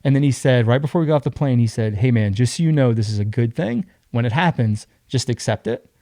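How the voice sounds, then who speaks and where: A young man telling a story casually as a podcast guest, acting out other people's lines in an animated way. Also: mid-range voice, quick pace, no echo, clean studio sound.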